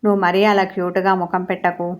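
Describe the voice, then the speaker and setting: A woman's voice: on the low side, little pitch movement, fast, lightly acted. A woman voicing a confident, teasing young man in a romance story read aloud. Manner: teasing, playful.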